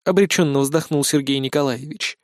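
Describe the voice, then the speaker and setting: A man narrating an audiobook in a lively, expressive way. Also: fairly high pitch, brisk, no echo, studio quality. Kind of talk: scripted narration.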